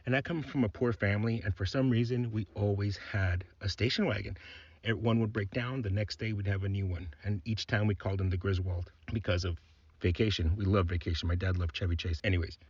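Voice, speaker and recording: A man from South Texas tells a story from his youth in an easy, rambling style, peppered with fillers. His voice is low and husky. The recording is dull and dry, with no room sound. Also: steady tone, fairly quick, no room sound. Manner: rambling, heavy on "like" and "uh". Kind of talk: casual personal storytelling.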